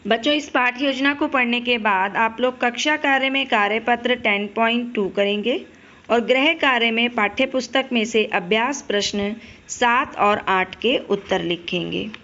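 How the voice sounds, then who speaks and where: Speaking at a measured pace with a bright, forceful tone, a woman whose voice is on the high side explains a Hindi lesson to primary schoolchildren. She patiently talks to them, asking questions and supplying the answers. The recording sounds muffled.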